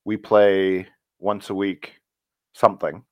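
Speaking slowly in a low voice, a male voice actor tells stories as an interview guest, chatting casually and rambling with plenty of fillers. The recording carries no room sound.

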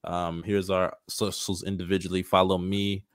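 A man with a fairly low voice, recorded dry and close. He hosts a casual chat stream and talks in loose, slangy, bro-style banter. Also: flat delivery, normal speed, no echo. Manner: slangy, bro-heavy frat-guy banter. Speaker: podcast host.

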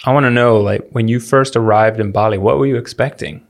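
A man's voice: medium pitch, steady tone, a little fast, vocal fry. A man guest co-hosting a podcast, joking and playful in casual chat. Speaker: guest co-host.

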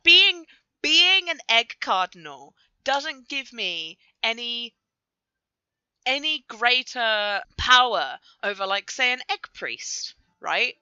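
A Canadian woman co-hosting a podcast in casual, joking banter, animated and swearing freely. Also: on the high side, slow, clean tone, no room sound, highs cut off. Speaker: podcast co-host.

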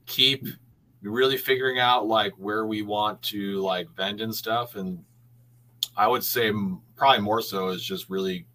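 Brief: male podcast guest, lowish voice, bright tone, reflective and rambling. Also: fairly even intonation, unhurried, poor audio. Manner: reflective, thinks aloud with many restarts. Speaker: guest artist, printmaker. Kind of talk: casual podcast conversation.

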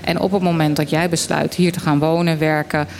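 A woman's voice: low voice, little pitch movement, a little fast, a little mellow. A woman talking casually and with opinion as a panelist, emphatic and often restarting her phrases. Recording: faint background noise.

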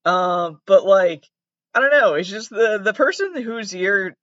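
A man from the United States with vocal fry and a monotone, deadpan delivery, hosting a podcast as a casual, self-deprecating, sweary comedic monologue. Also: high voice, unhurried, dry recording, lo-fi sound. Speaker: podcast host.

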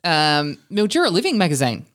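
A woman's voice: sits low, huge pitch swings, normal speed. An Australian woman co-hosting a podcast, teasing the others and steering the chat. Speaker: podcast co-host. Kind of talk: casual chat.

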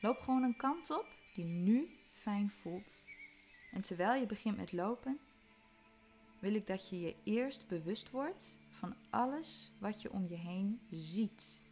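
A woman leading a guided walking meditation, giving calm, soothing instructions that sometimes drop to a soft whisper. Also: mid-range voice, slow pace. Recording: faint music behind.

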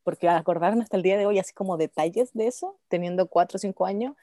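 A Chilean woman co-hosting a podcast, telling a story in casual, slangy, lively chat and breaking into laughs and shouts. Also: mid-range voice, fast talker, dry recording, studio quality. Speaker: podcast co-host.

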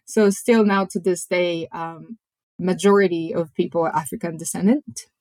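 A woman. Her voice sits a little low, and the sound is close and dry. She tells her story in an unhurried, reflective way and sometimes pauses to find the right word. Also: a little mellow, no room sound. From Japan. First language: Japanese. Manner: reflective, measured, searches for words. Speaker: podcast guest. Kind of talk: personal storytelling in conversation.

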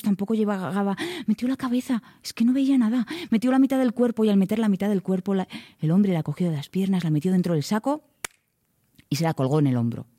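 A woman telling a folk tale to children, expressive and rhythmic, speaking directly to her listeners. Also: mid-range voice, no room sound, studio quality. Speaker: storyteller.

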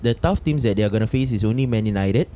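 Mellow Singlish-speaking man, casual football chat. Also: fairly low pitch, fast talker. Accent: Singaporean, Singlish. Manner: colloquial Singlish phrasing. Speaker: football podcast panellist.

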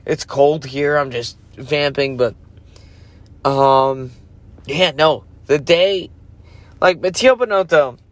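A man's voice: a little high, takes it slowly, pauses often, dry recording. A sleepy, yawning man ranting casually as a podcast host, rambling and losing his focus. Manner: rambling, loses focus, self-interrupting. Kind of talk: casual rant.

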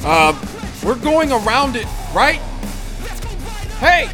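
Man acting exasperated, panicky sidekick, high-pitched. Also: very animated, slow, music in the background, heavily acted. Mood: panicked. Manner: exclaiming, profane griping. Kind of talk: audio drama acting.

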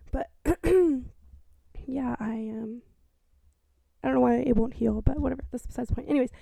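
A woman in her twenties, rambling quietly and a little awkwardly in her bedroom for a solo podcast, using lots of filler words. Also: fairly high pitch, steady tone, normal speed, creaky, no room sound. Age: 20s. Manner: rambling and hesitant, heavy use of filler words; talking quietly and self-consciously. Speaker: podcast host. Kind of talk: casual solo podcast monologue. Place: her bedroom, sitting in bed. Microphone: small mic with a fluffy windscreen.

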